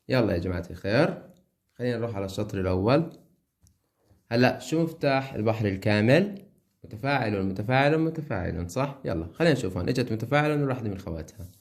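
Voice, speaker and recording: A man's voice: fairly low pitch, a little mellow. Levantine guy teaching a class, sounds out syllables, keeps going "ok? right?". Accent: Levantine Arabic. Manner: keeps checking understanding with quick questions; chants syllables one by one. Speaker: Arabic teacher. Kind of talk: explaining to students, lesson.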